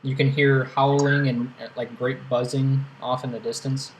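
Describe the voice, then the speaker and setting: A young man narrating a tabletop game as game master, casual and halting, with many fillers. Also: medium pitch, flat delivery, a little hiss or hum, rough recording.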